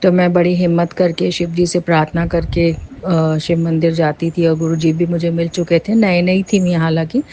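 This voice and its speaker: A middle-aged woman telling a personal devotional testimony in an earnest storytelling way that rises with excitement. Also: on the low side, normal speed, few pauses.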